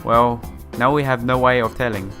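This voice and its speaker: With game music in the background, a YouTuber casually plays a visual novel, reading its lines aloud, stumbling at times and making side comments. His mid-range voice is fairly bright and steady, at a normal speed.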